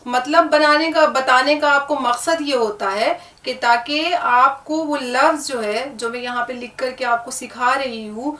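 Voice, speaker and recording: A woman's voice: high-pitched, bright, forceful tone, echoey room, distant mic. A woman teaching a language lesson, patiently spelling out words, repeating them and checking with the learner. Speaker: Urdu teacher. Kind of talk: classroom lesson on letters and words.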